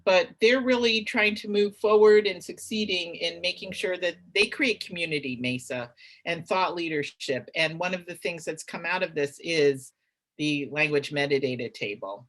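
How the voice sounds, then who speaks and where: A woman's voice: lowish voice, moderate pace. A middle-aged woman giving a webinar presentation, talking conversationally with many fillers and restarts.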